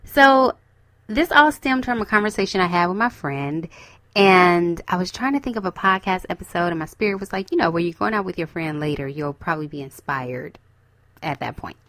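A young adult woman hosting a podcast, talking in a chatty, expressive and slangy way. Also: on the low side, normal speed, no echo. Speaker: podcast host. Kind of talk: casual solo podcast talk.

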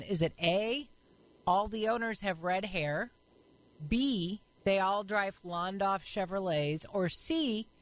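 A woman's voice: mid-range voice, rough recording. A woman co-hosting a radio show, chatting with callers in an upbeat way and reading ads. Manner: upbeat, quick to cheer callers. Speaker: radio co-host. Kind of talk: casual radio chat and live read.

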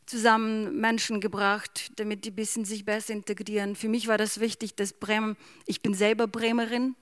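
A woman from Ukraine speaking German, soft-spoken and hesitant, pausing often with fillers as an interview guest. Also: mid-range voice, flat delivery, no room sound. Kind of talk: slow emotional reading and halting answers.

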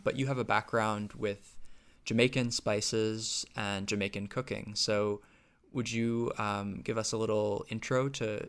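A man's voice: on the low side, a bit bright, clear, resonant tone. A man hosting a podcast, earnest and a little hesitant, with fillers when asking questions. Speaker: podcast host.

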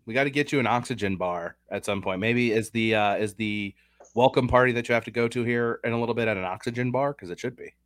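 A man's voice: mid-range voice, fast talker, fairly bright tone, no room sound. A young man hosting a casual sports betting chat, talking through stats and odds analytically. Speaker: sports betting podcast host.

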